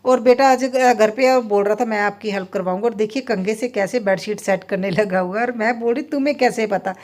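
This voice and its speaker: A woman's voice: medium pitch, fairly quick, darkish tone. A woman in her thirties, a mother and vlogger, chatting through a casual voice-over about her day at home. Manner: chatty, rambling, many fillers. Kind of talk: casual voice-over vlog narration. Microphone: phone voice-over.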